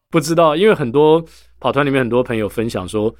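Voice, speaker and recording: A man's voice: mid-range voice, fast, no room sound, clean studio sound. A man with a Taiwanese accent hosts a casual podcast conversation, speaking through a face mask. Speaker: podcast host.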